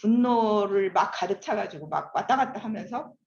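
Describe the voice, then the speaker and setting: With vocal fry in her medium-pitched voice and a moderate pace, a woman in her fifties delivers a lively classroom lecture, regularly quizzing the audience. The recording has an echoey room sound that is a bit dull.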